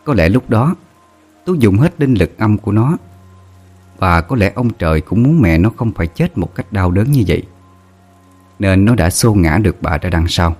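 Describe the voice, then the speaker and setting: A man's voice: lowish voice, expressive, normal speed, darkish tone, husky, faint music behind. A man narrating a sad ghost story in an emotive, dramatic way.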